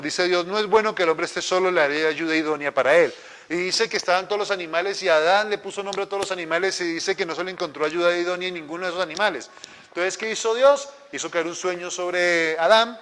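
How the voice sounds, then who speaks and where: A man's voice: fairly high pitch, fairly bright tone. A male pastor, teaching a church class in a conversational way, joking and asking the audience questions. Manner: conversational, asks the audience, jokes. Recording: long hall reverb.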